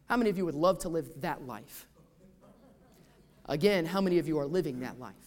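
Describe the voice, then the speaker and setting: Male pastor, high-pitched, conversational sermon delivery with rhetorical questions. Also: expressive, fairly quick, a little mellow.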